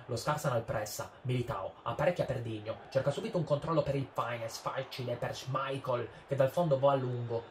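Male streamer, breathless, excitable football match caller, mid-pitched voice in a reverberant room. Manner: breathless, excitable Italian-style goal commentary, rising on attacks and goals. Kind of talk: play-by-play football commentary. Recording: roomy echo, steady background noise.

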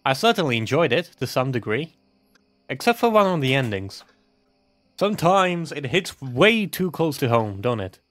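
Lively, swearing man playing a horror game. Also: medium pitch, normal speed, no echo. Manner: animated, swears a lot, playful. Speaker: gaming channel host. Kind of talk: let's play commentary.

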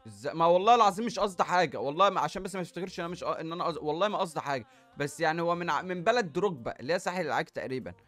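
A young man with an Egyptian accent giving excited commentary while opening packs in a football game, groaning and exclaiming at each result. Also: fairly high pitch, rapid-fire. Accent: Egyptian Arabic. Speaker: gaming YouTuber.

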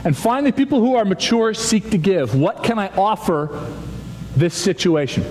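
A man in his thirties giving an animated chapel talk to students on a stage, telling stories and acting out quoted voices. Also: high voice, moderate pace. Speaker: youth chapel speaker. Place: large dark auditorium with stage. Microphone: stage microphone, seen from far back. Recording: reverberant hall, faint audience noise.

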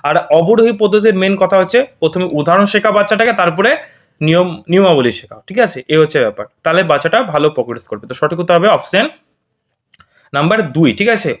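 Fast-talking, high-voiced male tutor. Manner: explains step by step with frequent checks like "okay?". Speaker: teacher. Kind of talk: exam prep lesson.

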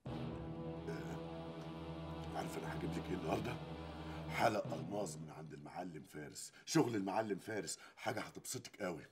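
A man's voice: sits low, a little fast, long pauses, soft background music, natural voice. An Egyptian-accented man playing a defensive, flustered husband in a TV drama. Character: jumpy husband, defensive and evasive. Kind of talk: TV series acting.

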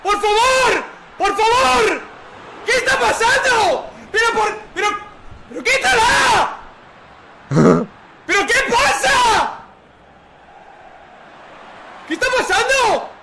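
Very high-pitched shouting man. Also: big pitch swings, slow, vocal fry, long pauses, over a noisy crowd, very noisy. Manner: shouting in frustration at a game.

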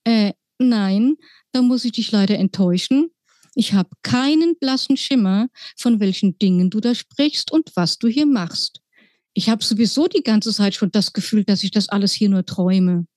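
A woman's voice: mid-range voice, normal speed, a little mellow, no room sound, close to an everyday voice. A woman voicing a spirited young girl who speaks out bluntly and indignantly, in a storybook reading. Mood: puzzled. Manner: indignant, outspoken.

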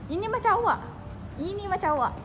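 A woman's voice: very high-pitched, expressive, fast talker, lo-fi sound, background noise. A young woman with a Malaysian Malay accent, chatting playfully as a vlogger while touring an art gallery. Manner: playful, teasing, exclaiming. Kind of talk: casual chat while walking a gallery. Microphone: handheld phone camera.

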